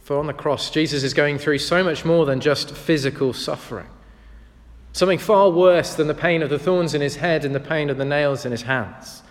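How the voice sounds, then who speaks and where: A man's voice: fairly high pitch, normal speed. A man preaching a sermon, earnest and reflective as he tells stories. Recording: long reverb of a large hall.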